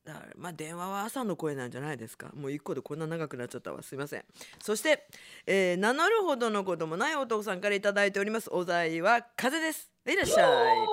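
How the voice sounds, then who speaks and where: A middle-aged woman hosts a late-night radio show, chatting with listeners in a low, relaxed natural voice. Her pitch sits fairly low but swings widely, so she sounds animated and self-deprecating, laughing easily. A slight colours her speech. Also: quick pace. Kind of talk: casual late-night radio chat reading listener letters.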